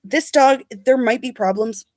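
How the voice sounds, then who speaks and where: A high-pitched, slightly mellow-voiced young woman speaks at a measured pace on a casual beauty livestream. Chatty and rambling, she reads viewers' comments and replies to them, a little sniffly due to allergies. The recording is bone dry.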